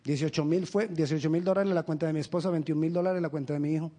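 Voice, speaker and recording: Male pastor, higher-pitched voice, emphatic sermon delivery with rhetorical questions. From Colombia. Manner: animated storytelling with quick asides.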